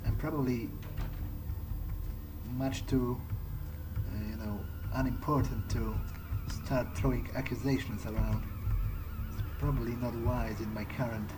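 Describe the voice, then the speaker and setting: Speaking in character over a video game, a man with a medium pitch and fairly even intonation thinks aloud hesitantly at a measured pace, pausing often. The background is noisy, with the game music clearly behind him.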